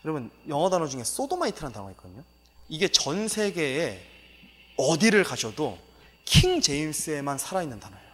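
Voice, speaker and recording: A man's voice: fairly high pitch, very animated, fairly quick, breathy edge, in a large hall. A male pastor giving a sermon lecture, emphatic and exclaiming, with many filler words.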